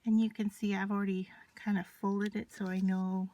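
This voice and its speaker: A woman's voice: mid-range voice, little pitch movement, normal speed. A woman talks casually through a hands-on craft demonstration step by step, unscripted, while she works with her materials. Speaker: craft tutorial presenter. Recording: clear background noise, scratching and clicks from handling materials. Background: scratching and clicking of craft materials.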